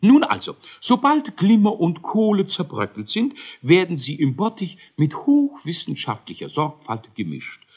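A man's voice: high voice, wildly swooping pitch, unhurried, hardly any pauses, husky, voice pushed up, heavily acted. A man voicing a nervous, fussy male dwarf scientist who whines and hesitates in a children's audiobook. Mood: lecturing. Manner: whiny, fretful, hesitant. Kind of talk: audiobook character voice.

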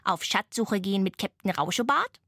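A woman's voice: mid-range voice, expressive, moderate pace, fairly bright tone, husky, no echo, studio quality. A woman voicing a chirpy plastic toy duck who works as a clerk and keeps adding a clacking sound. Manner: adds a clacking "knack, knack".

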